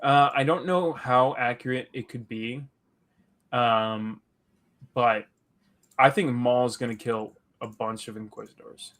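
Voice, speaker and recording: A man's voice: mid-range voice, steady tone, slow, a bit bright. A man co-hosting a podcast, chatting casually through a recap, rambling with restarts and acting out quotes. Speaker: podcast co-host.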